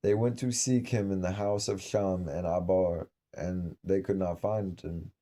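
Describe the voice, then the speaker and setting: Solemn male scripture reader, low pitch, very mellow dark tone, measured pace with small slips. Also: fairly even intonation. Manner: measured, solemn reading with occasional slips and restarts. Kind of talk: reading aloud from an old scripture.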